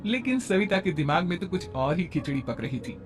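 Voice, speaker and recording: A storyteller narrates a scripted cartoon family tale. The voice sits at a medium pitch, with music playing underneath. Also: sing-song, fairly quick.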